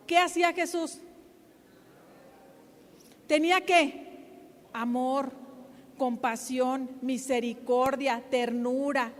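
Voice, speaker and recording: A middle-aged woman pastor, preaching a sermon in a loud, emphatic, lively way. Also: sits high, in a large hall. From Mexico.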